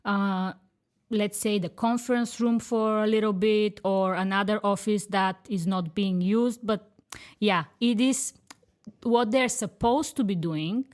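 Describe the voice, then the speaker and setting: Woman from Bulgaria, thirties, podcast guest, casual talk, unhurried, lots of ums. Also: medium pitch, fairly even intonation, a little mellow. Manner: thoughtful, hesitant with many fillers. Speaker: podcast guest, career counsellor. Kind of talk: casual conversation.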